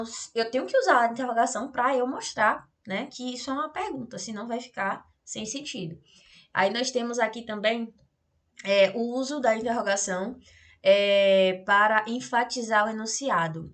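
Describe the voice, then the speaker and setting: A woman's voice: a little high, moderate pace. Chatty woman teacher with Brazilian accent. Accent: Brazilian Portuguese. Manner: explains in a chatty way, with many tag questions and fillers; acts out example sentences with marked intonation. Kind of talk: remote adult-education grammar lesson.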